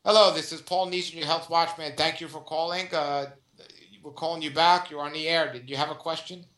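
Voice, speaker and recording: A man hosting a call-in radio show with a smooth radio host delivery, greeting listeners and callers on air. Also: a little high, fairly even intonation, brisk, pushed and bright. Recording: echoey roomy sound.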